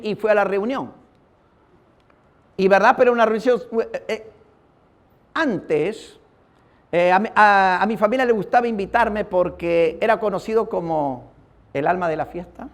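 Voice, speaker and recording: High-voiced preacher man. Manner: storytelling, addresses listeners as brother. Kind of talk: sermon with personal testimony.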